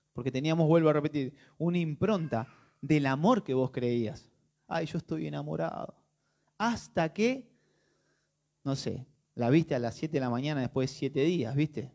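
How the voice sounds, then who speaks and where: Rioplatense male pastor, higher-pitched, chatty and joking in the pulpit. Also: darkish tone. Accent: Rioplatense Spanish. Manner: conversational, jokey preaching with rhetorical questions. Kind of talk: sermon.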